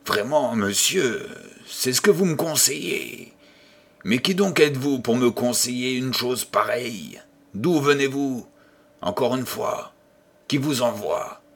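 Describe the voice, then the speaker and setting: A man reading an audiobook and voicing a tormented old gambler who swings from hushed whispers to furious outbursts. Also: medium pitch, husky. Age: older. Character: raving old male gambler haunted by the devil.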